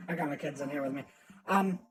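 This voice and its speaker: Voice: medium pitch, expressive, moderate pace, music in the background. A channel host talking casually to camera while working at the computer, their voice morphed by a voice changer. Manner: chatty and self-mocking, laughs at own slip.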